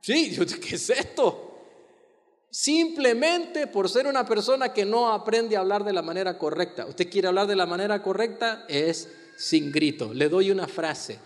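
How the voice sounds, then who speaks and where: A male pastor preaching a sermon with emphatic stresses and soft slow asides, calling the congregation to repeat after him. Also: high voice, big-room sound. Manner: invites the congregation to repeat lines.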